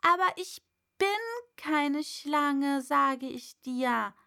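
An earnest little girl, as a woman reading aloud puts her on, protesting and now and then faltering. The voice sits raised and bright, lifting with childlike indignation, in a storybook reading. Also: high voice, big pitch swings, unhurried, pitched above the performer's own voice, heavily acted. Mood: indignant, unsure. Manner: protesting, hesitant. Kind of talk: audiobook character voice.

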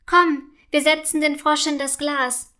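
A woman voicing an excitable young girl who talks eagerly and stammers when caught out. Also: high-pitched, a little slow. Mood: excited.

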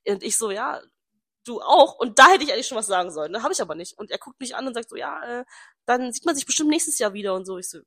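Young woman, slightly high voice, chatty podcast host, acts out every line she quotes. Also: quick pace, breathy edge. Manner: animated storyteller, acts out quoted dialogue, laughs often. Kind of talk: casual chat.

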